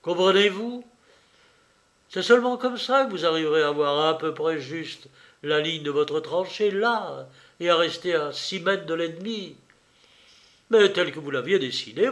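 A man's voice: on the high side, fairly bright tone. A man playing a curt army lieutenant. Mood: lecturing. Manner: curt, lecturing, commanding. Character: impatient male army lieutenant, middle-aged. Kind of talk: audiobook character reading.

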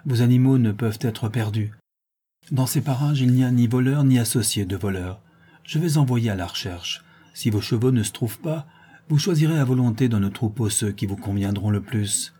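A man voicing a calm, courteous nomad chief who speaks formally in a read-aloud travel story. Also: mid-range voice, normal speed, breathy edge, natural voice. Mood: reassuring.

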